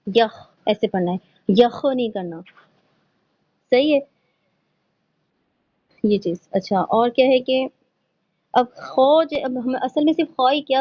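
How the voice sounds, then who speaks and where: A woman's voice: a little high, lo-fi sound. A woman teaching Quran recitation in a patient, step-by-step way, mixing in English words. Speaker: tajweed teacher. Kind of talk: online Quran recitation lesson.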